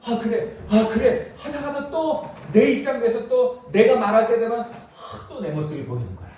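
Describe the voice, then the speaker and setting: A man preaching a sermon as pastor, lively, with rhetorical questions to the congregation and chuckles as he speaks. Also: very high-pitched, moderate pace, slight background noise. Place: church sanctuary. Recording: echoey church from far off.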